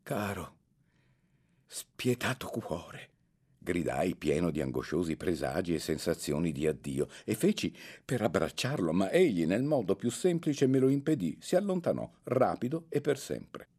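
Deep-voiced man reading a novel aloud. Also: big pitch swings, warm tone, breathy edge. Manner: measured literary reading. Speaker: audiobook reader. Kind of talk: scripted narration.

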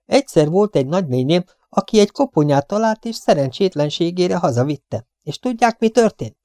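Man doing a shrill chattering cleaning woman. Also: expressive, mellow, no echo, clean studio sound. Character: fussy superstitious stout female cleaning woman.

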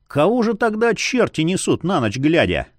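A man's voice: on the high side, big pitch swings, moderate pace, no echo, clean studio sound, voice pushed up. Man doing a teasing chatty male ghost. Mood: wary. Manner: teasing, wry.

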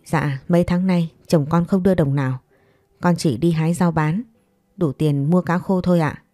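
Soft-spoken young wife, humble and pleading, a woman doing her lines low and mellow. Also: fairly even intonation, normal speed, dry recording, studio quality, lightly acted. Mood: gentle pleading. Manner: gentle, pleading. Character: meek, patient young wife and mother.

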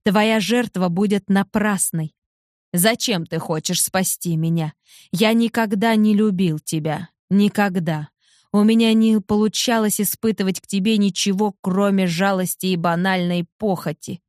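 A woman's voice: medium pitch, fairly even intonation, unhurried, a little mellow, no room sound, clean studio sound, lightly acted. A woman reading the lines of a cruel, bloodied young man who taunts his captive lover with contempt, in a storybook. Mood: taunting.

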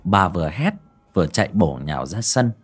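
A man's voice: sits low, sing-song, brisk, husky, soft background music. A man narrating a horror story audiobook dramatically.

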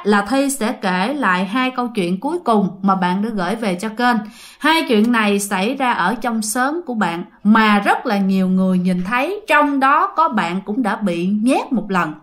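High-voiced Southern Vietnamese woman telling ghost stories. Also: a bit bright. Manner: chatty, addresses listeners directly. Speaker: storyteller host. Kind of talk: ghost story narration.

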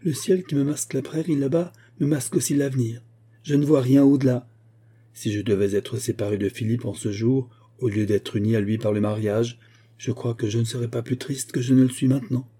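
A man's voice: steady tone, a little fast, mellow, husky, close to an everyday voice. A man voicing a melancholy young bride speaking wistfully in a storybook reading. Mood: wistful sad. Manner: wistful, melancholy, raised pitch. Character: young anxious bride on wedding morning.

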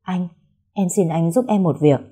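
A woman voicing a desperate young woman held captive by her family, speaking in a hushed, pleading way. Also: on the low side, unhurried, slightly rough.

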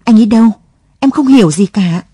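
A woman's voice: mid-range voice, lively intonation, fairly quick, warm tone, slightly rough, no room sound, clean studio sound. Woman voicing a tearful young mother. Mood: bewildered. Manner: pleading, tearful. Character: young mother searching for her husband.

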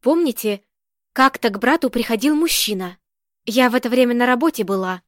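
A woman voicing a quiet, composed young woman. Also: fairly high pitch, fairly quick, no room sound, clean studio sound, close to an everyday voice. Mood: calm.

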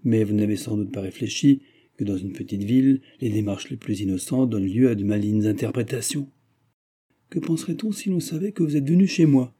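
A man's voice: on the low side, expressive, brisk, dark tone, breathy edge. A man reading aloud and voicing a stern, coldly ironic young lawyer. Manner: cold, clipped and ironic.

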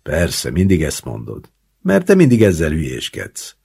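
A male audiobook reader voicing a teasing, stubborn young woman in dialogue, keeping close to his own deep, husky voice. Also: wildly swooping pitch, a little mellow, exaggerated voice. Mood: mocking. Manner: teasing and scolding. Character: sharp-tongued young woman, mocking and stubborn.

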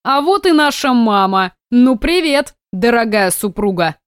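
A sneering, furious husband spits out his words, voiced by a woman reading the story. He mocks and shouts, his voice pushed higher and louder than a calm speaking voice. The sound is close and dry. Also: measured pace, clean tone, no echo. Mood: sneering angry. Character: angry mocking husband, grown man.

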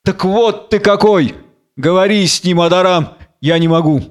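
A man's voice: fairly high pitch, moderate pace, fairly bright tone, close to an everyday voice. A man voicing a proud young noblewoman who gives urgent commands. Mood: shaken.

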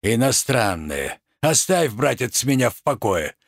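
A man reading a play aloud, voicing a pompous provincial tragic actor who declaims in drawn-out, thundering phrases. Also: medium pitch, sing-song, creaky, no echo, studio quality, pitched below the performer's own voice, exaggerated voice. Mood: grandiloquent.

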